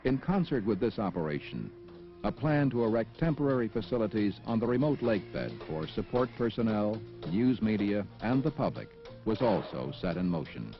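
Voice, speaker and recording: A man's voice: fairly low pitch, big pitch swings, normal speed. A man reading formal, scripted documentary narration on a dull film soundtrack. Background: music.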